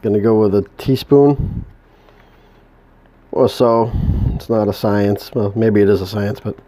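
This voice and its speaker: With a warm, lowish voice and fairly even intonation, a New England home cook demonstrates a recipe in a casual kitchen setting. He mumbles, pauses haltingly and restarts often.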